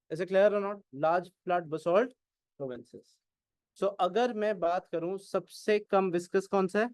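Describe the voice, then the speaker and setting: A man with an Indian English accent teaching an exam-prep class, mixing Hindi and English and often asking whether it is clear. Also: high-pitched, dry recording. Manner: keeps asking "is it clear?", questions and answers his own prompts.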